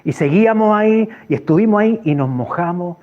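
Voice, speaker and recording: A man with a high voice preaches a testimony, acting it out with vivid storytelling and little sound effects. The recording is dull and lo-fi. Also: expressive, fairly quick. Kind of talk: sermon testimony.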